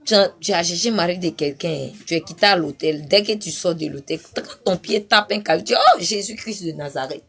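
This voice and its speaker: A woman's voice: on the low side, a little fast, creaky, hardly any pauses, fairly bright tone, husky. A woman preaching her testimony on a live stream, fervent and repetitive, breaking into sudden cries. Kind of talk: impassioned spoken testimony.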